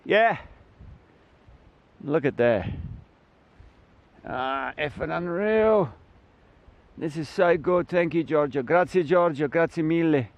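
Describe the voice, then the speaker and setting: A man chatting excitedly and calling out to his riding partner while cycling downhill outdoors. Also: a little high, slow pace, pauses often. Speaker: cyclist filming his ride. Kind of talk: casual commentary while riding. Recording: muffled camera mic with wind noise.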